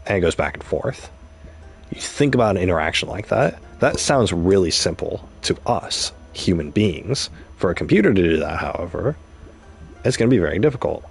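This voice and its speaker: Husky, low-voiced man rambling while gaming. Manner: rambling, explains with examples, many restarts. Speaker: gaming streamer. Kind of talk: casual commentary while gaming.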